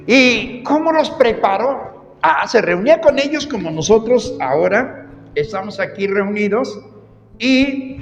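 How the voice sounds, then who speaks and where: A male preacher giving an animated sermon in a church, repeating words and swinging between loud and hushed. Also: high voice, muffled recording. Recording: reverberant hall, faint music.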